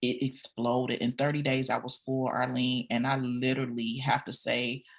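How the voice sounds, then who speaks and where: A woman's voice: a bass voice, level tone, normal speed, gravelly. A woman from Michigan, a counselor, talking earnestly and encouragingly as a podcast guest. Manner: earnest, encouraging, lists things off. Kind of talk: casual interview talk.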